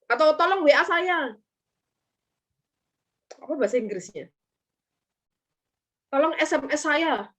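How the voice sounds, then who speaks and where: A woman's voice: sits high, expressive, slow, long pauses, a bit bright. A woman with an Indonesian accent teaching English vocabulary in an online class, quizzing her students and acting out example lines.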